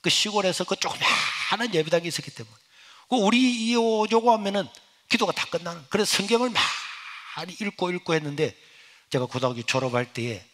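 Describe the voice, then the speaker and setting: In a mid-range voice, a middle-aged pastor delivers his sermon as a personal testimony, moving from loud exclamations down to hushed, almost whispered lines.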